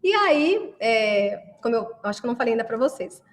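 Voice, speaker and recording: A woman's voice: fairly high pitch, very animated, a little fast. A woman from Brazil giving a chatty class to parents, often asking listeners to agree as she talks. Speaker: course creator addressing parents. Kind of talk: casual promotional class talk.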